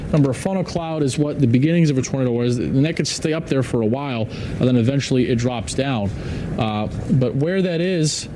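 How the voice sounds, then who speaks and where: Male TV weather forecaster, slightly high voice, explanatory and emphatic, improvising live over clear rumbling noise. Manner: explanatory, thinking aloud with emphatic repetition. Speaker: TV meteorologist. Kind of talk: live unscripted weather coverage.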